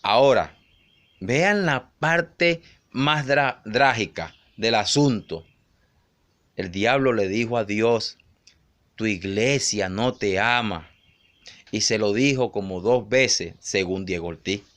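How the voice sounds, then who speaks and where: A middle-aged man preaching in an emphatic, scolding way, dropping to low murmurs and rising to raised cries. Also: slow pace, a bit bright. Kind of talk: online sermon rebuttal video.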